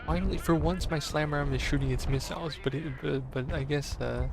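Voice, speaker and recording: His pitch fairly high and his voice creaky, a man quickly narrates his own strategy game while gunfire and explosions sound behind him. The casual commentary rambles, with lots of fillers and restarts, and his voice is sore and strained.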